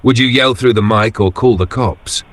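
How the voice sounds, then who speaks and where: A man's voice: medium pitch, normal speed, dry recording. A man narrating video clips in a casual scripted commentary style, with slangy, wry wording and short punchy phrases.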